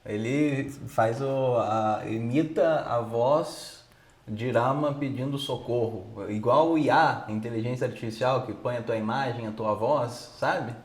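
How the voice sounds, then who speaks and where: A man chimes in with quick jokes during a relaxed chat. His voice is mid-pitched and the room gives it a noticeable echo. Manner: chiming in, joking. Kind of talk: casual chat.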